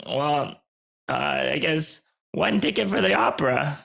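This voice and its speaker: A man plays a flustered, stammering ticket seller with a lively, swooping voice and a gravelly edge. He sounds higher than most men and drawls along slowly. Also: full character voice. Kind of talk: improvised comedy scene.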